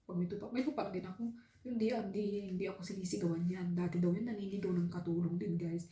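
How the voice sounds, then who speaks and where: A woman's voice: on the low side, fairly even intonation, fast talker, mellow, echoey room. A woman from the Philippines working abroad as a domestic helper, earnestly telling her own story in a casual vlog and often speaking straight to her viewers. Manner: earnest, heartfelt, often addresses viewers as "guys".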